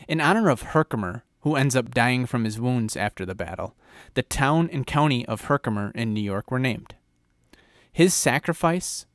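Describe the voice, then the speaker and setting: A man's voice: medium pitch, a bit bright, dry recording, clean studio sound. Man narrating history casually. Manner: conversational storytelling. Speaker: history channel host.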